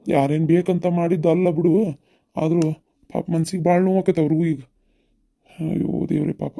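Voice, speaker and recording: A woman's voice: on the low side, fairly even intonation, brisk, creaky, dark tone. A woman voicing a worried elder village mother in a cartoon, speaking with a North Karnataka Kannada accent in a fretful, lamenting way. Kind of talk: cartoon dubbing.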